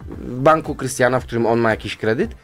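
A man with a mid-range voice, guesting in a radio studio, answers interview questions about finances at length, rambling briskly and tagging statements with "nie?". A studio boom mic records him, with faint music in the background.

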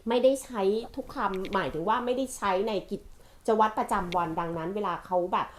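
A woman in her forties hosting a casual family vlog, animated and laughing often as she coaxes her daughter through questions. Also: medium pitch, fairly quick, slight background noise. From Thailand. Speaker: vlog host, mother.

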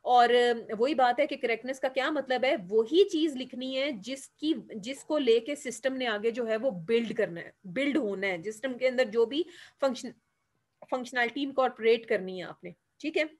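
A woman's voice: a little high, normal speed. A woman with a Pakistani Urdu accent giving a classroom lecture, explaining step by step, asking the class questions and answering them, and mixing English terms into her Urdu.

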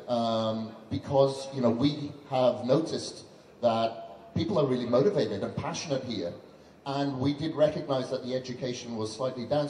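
A man's voice: medium pitch, a little mellow. A man in his thirties, a fitness trainer, giving an earnest, chatty on-stage speech at a launch event into a handheld mic, with lots of "you know" fillers. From Western country. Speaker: fitness trainer and guest speaker. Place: large event hall on stage. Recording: roomy hall echo with faint background noise.

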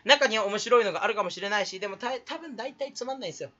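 Young male vlogger, quick and bright, jokes his way through a rambling monologue with a mock Kansai lilt. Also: high-pitched, animated, highs cut off. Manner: jokey, self-mocking, rambling. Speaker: YouTuber. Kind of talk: rambling solo vlog talk.

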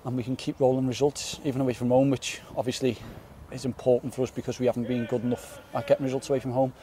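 A young man talks fast and earnestly after a match, tripping over repeated words as he gathers his thoughts. His voice sits at a medium pitch with a mellow, dark tone. He is recorded outdoors on a floodlit pitch, with a faint open-air hush behind him. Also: flat delivery, a little hiss or hum. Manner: quick, earnest, repeats words while thinking. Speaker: footballer. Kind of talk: post-match interview. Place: floodlit football stadium pitch at night, outdoors. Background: faint outdoor stadium ambience.

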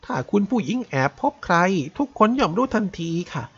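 A loyal elderly maidservant, as a man puts her on for a bedtime storybook reading, proper and protective of the lady of the house. Her voice sits high and sweeps up and down with a gravelly, husky grain. The recording is dull and lo-fi. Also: big pitch swings, a little fast, a bit bright, heavily acted. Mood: indignant. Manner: polite, protective of her mistress. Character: loyal elderly woman servant, defensive and proper.

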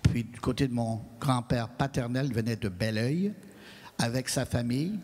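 A man with a Franco-American French accent answering audience questions on stage, earnest and measured, on a handheld mic. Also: medium pitch, darkish tone. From New England, United States. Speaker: guest writer. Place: stage of a large hall. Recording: long hall reverb.

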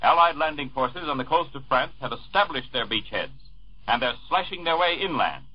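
A man reading war news as a radio newscaster in a formal, measured way, heard through an old 1940s radio broadcast recording. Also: fairly high pitch, expressive. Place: network radio studio. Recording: dull lo-fi 1940s radio archive.

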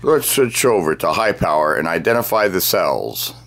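A middle-aged man presenting a scripted science demonstration, speaking deliberately as if dictating, phrase by phrase. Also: low voice, big pitch swings, fairly bright tone. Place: small cluttered indoor workroom.

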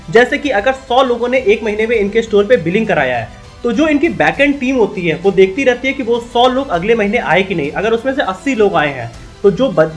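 Young man explaining business with energy. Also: sits high. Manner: brisk, addresses viewers as friends. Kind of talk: explainer video. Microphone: studio mic on desk.

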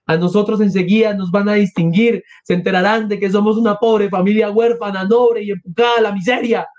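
A man voicing a frantic, consumptive noble mother, shrill and breathless. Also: fairly even intonation, brisk, darkish tone, lo-fi sound, lightly acted. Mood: pleading.

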